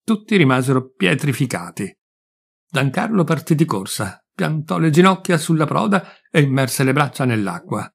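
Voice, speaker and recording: A man narrating a short story in a measured, deliberate reading voice. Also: fairly high pitch, big pitch swings, gravelly, slightly rough. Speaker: audiobook reader.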